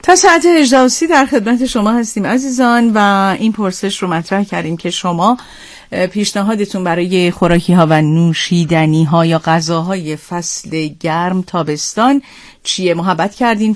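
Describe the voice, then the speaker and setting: A woman hosting a radio program, speaking politely with calm patience and a light teasing edge. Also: mid-range voice. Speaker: radio host.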